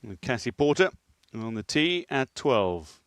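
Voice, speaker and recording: A man's voice: mid-range voice, sing-song, a little slow, fairly bright tone, clean tone. A man working as a golf commentator, giving live commentary on a tournament.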